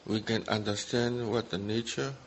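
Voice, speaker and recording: A non-native English speaker, a Buddhist teacher, gives guided meditation instructions during a retreat talk in brief, plain phrases with gaps between them. His voice is on the low side with fairly even intonation at a moderate pace, in a low-quality recording with a bit of hiss or hum.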